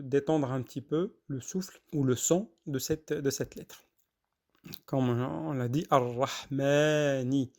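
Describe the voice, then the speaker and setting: Patient man teaching slow recitation. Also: mid-range voice, mellow. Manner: slow, patient, repeats and spells out sounds, many hesitations. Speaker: Quran reading teacher. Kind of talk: spoken lesson with recitation.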